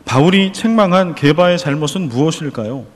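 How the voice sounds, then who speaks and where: Korean pastor guy preaching, kinda high voice, lots of questions, big echoey church hall. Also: lively intonation, a little fast. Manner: earnest preaching with rhetorical questions and prayer. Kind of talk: sermon.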